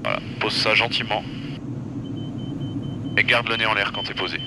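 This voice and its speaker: A man's voice: on the low side, normal speed, gravelly. A man giving blunt, informal in-cockpit coaching as a flight instructor, repeating short commands. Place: small aircraft cockpit in flight. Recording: very loud aircraft engine noise. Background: loud propeller plane drone.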